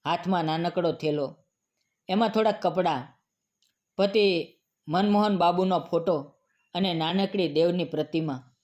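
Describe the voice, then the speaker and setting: A man narrating a moral storybook tale in a solemn, even-paced scripted reading. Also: high voice, a little slow, long pauses.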